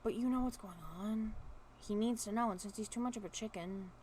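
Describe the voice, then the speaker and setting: A woman's voice: medium pitch, steady tone, a little fast, a little mellow, slight background noise, natural voice. A woman reading a storybook voices a skeptical teenage boy twin who speaks in casual, questioning talk. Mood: doubtful.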